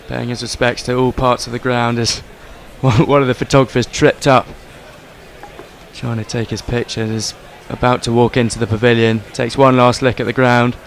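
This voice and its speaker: A man doing cricket commentary, describing the scene in a flat, even way. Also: mid-range voice, slight background noise.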